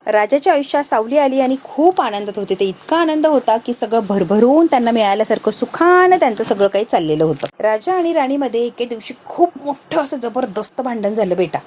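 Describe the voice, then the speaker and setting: Brief: woman doing a tender dad telling a bedtime tale, soft, fairly high voice. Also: expressive, fairly quick, few pauses, slight background noise, close to an everyday voice. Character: gentle father telling a bedtime story.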